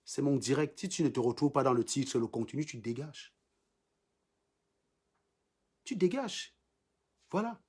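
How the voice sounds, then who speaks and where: Man, Cameroonian French accent, livestream host, mocking, combative rant, middle pitch, repeats himself for emphasis. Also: steady tone, brisk, a little mellow, husky. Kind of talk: insulting live-stream rant.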